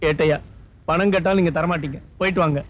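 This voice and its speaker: A man's voice: a little high, fairly even intonation, fast talker, dull audio, a little hiss or hum, lightly acted. An actor playing a sly male street fruit vendor who calls out his wares in a chant and grumbles, in an old film soundtrack with music. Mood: hawking. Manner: hawking in a chant, then muttering angrily.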